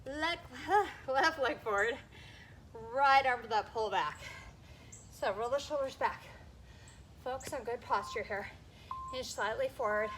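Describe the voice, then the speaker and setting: A woman's voice: fairly high pitch, unhurried, long pauses, fairly bright tone. A woman coaching a workout as an aerobics instructor, encouraging and counting down while she exercises along. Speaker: fitness instructor. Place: outdoors in a backyard garden. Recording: noisy outdoor recording with ambient sound.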